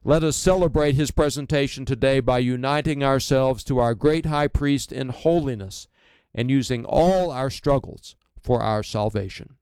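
A man giving a homily as a priest, speaking in a solemn, measured way. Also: medium pitch, a little mellow, clean tone, no echo.

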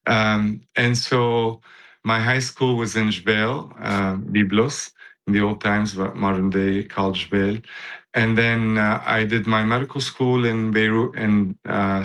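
A man in his fifties from Lebanon with a fairly low voice, talking as an interview guest. He speaks at an easy pace, often pausing on fillers and restarting his sentences. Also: fairly bright tone, poor audio. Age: 50s. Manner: unhurried, many fillers and restarts. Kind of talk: casual interview.

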